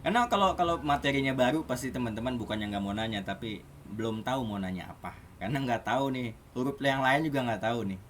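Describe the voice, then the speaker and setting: A man's voice: medium pitch, quick pace, slight background noise. A man teaching an online Arabic class in a casual, chatty way, often asking his students questions.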